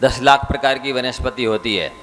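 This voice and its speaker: A man's voice: medium pitch, moderate pace, a bit bright. A male Jain monk delivering a sermon, urging his listeners and asking them rhetorical questions. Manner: exhorting, rhetorical questions to audience. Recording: hall reverb with faint ambience.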